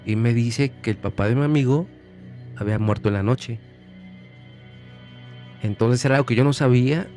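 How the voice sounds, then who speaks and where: A man's voice: mid-range voice, moderate pace, pauses often, darkish tone, faint music behind. A man from Mexico with a Mexican Spanish accent, a guest telling a personal story in a chatty way, often repeating phrases as he recalls. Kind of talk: casual storytelling.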